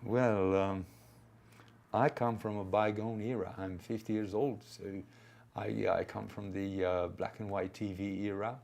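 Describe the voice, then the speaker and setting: Halting fifty-year-old man, lowish voice. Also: fairly even intonation, creaky, darkish tone. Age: 50s. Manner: halting, many filler pauses, reflective. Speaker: interviewee. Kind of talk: interview answers.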